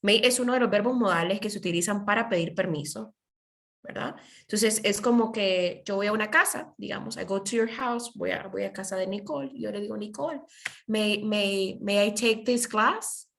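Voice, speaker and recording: A woman's voice: medium pitch, fairly quick, creaky, fairly bright tone. Patient woman teaching online. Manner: patient, explains with everyday examples and checks in with students. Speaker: English teacher. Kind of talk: online class, switching between English and Spanish. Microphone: computer mic on a video call.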